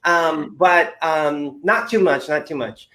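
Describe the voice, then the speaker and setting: A man's voice: a little high, takes it slowly, a bit bright. A man hosting an interview show, talking in an upbeat, rambling way with lots of fillers. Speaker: podcast host. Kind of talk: casual interview chat.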